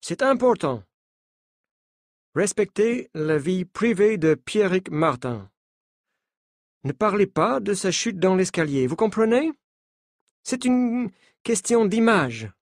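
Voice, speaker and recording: A man's voice: high-pitched, expressive, slow, long pauses, no echo, clean studio sound, pitched above the performer's own voice, exaggerated voice. A reader voicing a pushy American male sports coach with an American accent, insistent and reassuring.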